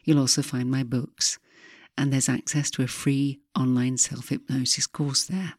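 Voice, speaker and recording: A woman with a low-lit, mellow tone and a soft, breathy edge narrates guided hypnosis. She speaks slowly and soothingly, leaving measured pauses between phrases. The recording is close and dry. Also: flat delivery, dry recording. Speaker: hypnotherapist host.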